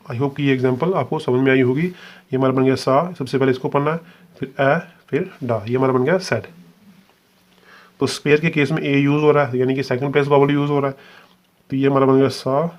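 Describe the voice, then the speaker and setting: A man's voice: medium pitch, steady tone, dull audio. Patient male shorthand teacher. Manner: patient, repeats "ठीक है" and spells sounds out slowly. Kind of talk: step-by-step video lesson.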